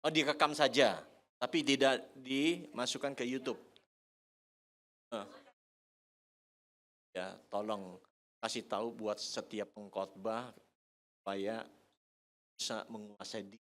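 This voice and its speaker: An older man preaching a sermon to seniors in a church hall, lively and joking, often quizzing the congregation. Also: fairly low pitch, slow, long pauses. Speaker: pastor.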